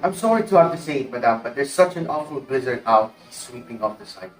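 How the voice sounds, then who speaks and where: A man's voice: mid-range voice, animated, fast, lightly acted. A man playing a polite, formal household butler in an amateur play, deferential to his mistress. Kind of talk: amateur one-act play acting. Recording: echoey, distant mic, music behind.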